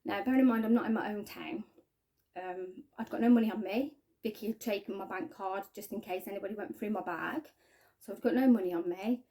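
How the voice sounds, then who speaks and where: A woman giving a halting, earnest personal testimony to camera, often trailing off quietly. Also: medium pitch. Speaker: spiking victim sharing her story.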